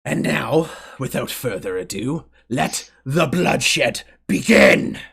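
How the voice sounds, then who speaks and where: A man voicing a pompous grand mage announcing an arena fight, slow and booming. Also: animated, vocal fry, fairly bright tone, husky, heavily acted. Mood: grandiose. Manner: booming, drawn-out proclamations.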